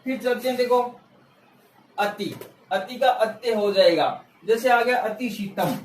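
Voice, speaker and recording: A man's voice: high-pitched, unhurried, a little hiss or hum. Male tutor, exam-prep lesson at a board, repeats key words, echoey room. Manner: asks questions and answers them himself, repeats key words; patient, step-by-step explaining. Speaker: teacher. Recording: echoey room, mic far off.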